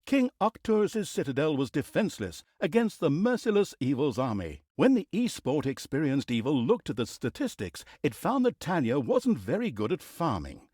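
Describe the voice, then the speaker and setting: With mock grandeur, a wry male storyteller narrates a comic, evil fantasy campaign, slipping in teasing, mocking asides. His fairly high, darkish voice swings widely in pitch, and the recording is dry and close with no room sound.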